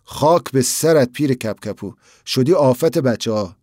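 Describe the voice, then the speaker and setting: A man's voice: mid-range voice, lively intonation, warm tone, no echo, clean studio sound, lightly acted. A man reading the lines of a worried, fretful old grandmother who scolds and exclaims. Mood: angry.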